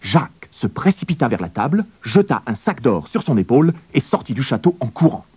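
A man narrating a fairy tale as a storybook reading, with a very expressive, swooping delivery. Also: mid-range voice, brisk, husky, no room sound.

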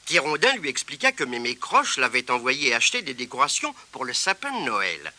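A man narrating a children's storybook, expressive and lilting. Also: mid-range voice, brisk, no room sound.

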